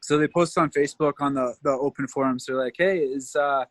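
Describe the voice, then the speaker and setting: A man's voice: mid-range voice, steady tone, fast, no room sound. A man from Canada, a tour guide, telling rambling stories in a casual interview, laughing often and leaning on fillers.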